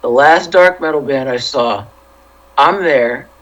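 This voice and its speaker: A man's voice: mid-range voice, takes it slowly, fairly bright tone, low-quality recording. A man co-hosting a casual culture podcast, making his points emphatically and acting out little quoted asides. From Los Angeles area. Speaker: podcast co-host. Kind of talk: casual chat.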